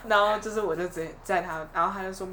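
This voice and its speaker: A woman's voice: medium pitch, racing, noisy background. A young woman with a Taiwanese Mandarin accent, chatting casually as a podcast co-host and laughing often as she tells stories. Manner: animated storytelling, laughs often. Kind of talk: casual chat.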